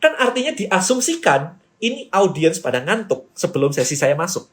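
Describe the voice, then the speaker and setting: Seorang pria yang membawakan ceramah pengajaran dengan hidup, memerankan kutipan orang lain dan menyelipkan frasa bahasa Inggris. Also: male voice, high-pitched, moderate pace. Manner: lively, acts out quoted people, mixes in English phrases. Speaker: business speaker. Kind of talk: seminar-style teaching talk.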